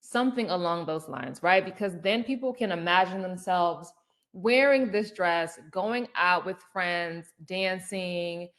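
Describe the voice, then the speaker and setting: A woman's voice: fairly low pitch, unhurried. A woman presenting a small-business workshop in a casual, conversational teaching style, with asides and fillers. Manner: conversational, uses fillers and asides, lively quoted voices. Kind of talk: casual instructional talk.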